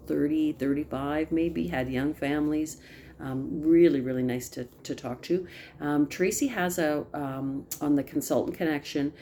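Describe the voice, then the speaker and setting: A woman with a low, mellow voice talks her sales team through a casual update over a video call. She rambles a little, full of ums and restarts. A faint hum of the room sits behind her. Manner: chatty, many ums and restarts, apologizes for talking fast. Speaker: team leader of direct sales consultants.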